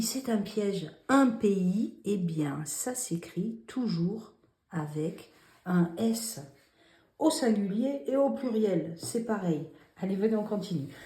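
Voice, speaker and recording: Slow, mellow-voiced woman teacher. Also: on the low side. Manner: patient, explains step by step with rhetorical questions. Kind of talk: spelling lesson for children. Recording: roomy echo.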